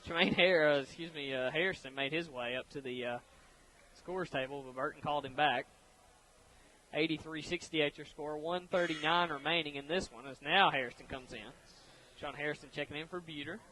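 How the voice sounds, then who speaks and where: High-pitched guy doing radio basketball play-by-play, quick and energetic. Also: low-quality recording. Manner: brisk, energetic call of the action with easy chuckles. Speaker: play-by-play announcer.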